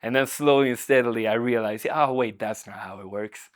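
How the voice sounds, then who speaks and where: A man from Sweden, a nurse, speaking in a reflective documentary interview, searching for words with many pauses and fillers. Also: mid-range voice, no room sound, studio quality.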